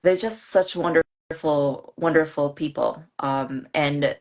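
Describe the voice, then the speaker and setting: A woman's voice: low voice, takes it slowly, gravelly, darkish tone. A woman from the Philippines, a guest on a live online interview, speaking earnestly with hesitant restarts. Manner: earnest, hesitant, laughs often. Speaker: guest, course graduate.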